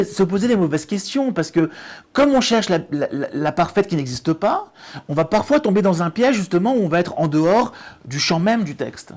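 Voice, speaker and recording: This high-pitched middle-aged man, an author who directs test prep, lays out exam strategy during an interview, frequently starting over and stressing points with energy.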